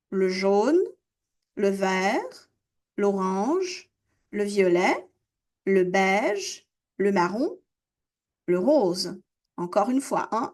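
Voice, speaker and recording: A woman teaching French to beginners, slowly repeating each word and explaining its pronunciation. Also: mid-range voice. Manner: slow, deliberate pronunciation drills, repeating words. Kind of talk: slow, careful language lesson.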